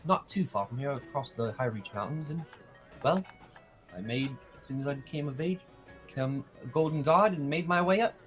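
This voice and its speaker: A man's voice: on the high side, normal speed, lightly acted. Guy playing a courteous elf guard boss, kinda flustered and stumbly, faint music. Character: polite elven guard captain, long-haired, modest.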